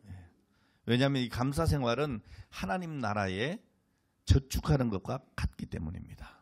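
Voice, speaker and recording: A male senior pastor closing his sermon in a church with a measured, solemn blessing and prayer. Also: medium pitch, expressive, creaky, a little mellow, breathy edge. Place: church sanctuary.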